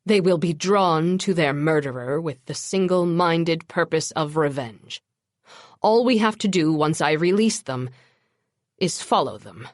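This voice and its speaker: A woman voicing an ancient, weary male vampire who speaks gravely in a low rasp, in an audiobook. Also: expressive, a little slow, no echo, clean studio sound. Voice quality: rasping, low.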